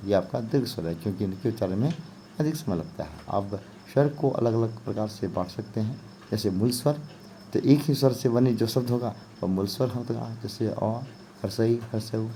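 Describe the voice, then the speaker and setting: A man's voice: on the low side, warm tone, a little hiss or hum. A male teacher giving an exam-prep grammar lesson, explaining step by step and often checking in with "okay" and filler phrases. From India. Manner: explanatory, repeats "ठीक है" and "जो है आपका".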